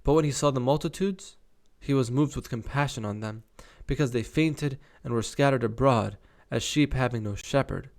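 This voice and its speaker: Young guy reading the bible out loud, stops to riff on it, bit of fry in his voice. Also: mid-range voice, normal speed, few pauses. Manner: reads scripture aloud, stops to comment casually. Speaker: Bible reader and commentator. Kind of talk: casual Bible reading with commentary.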